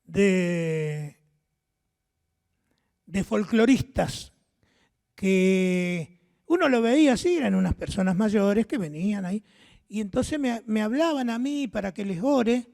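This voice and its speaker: An older man from Argentina with an Argentine accent and a hoarse voice, preaching a sermon as pastor, telling stories and acting out the dialogue. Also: sits high, takes it slowly, long pauses, darkish tone, big-room sound. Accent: Argentine Spanish. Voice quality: hoarse, gravelly voice. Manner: storytelling, acts out dialogue, asks the audience questions.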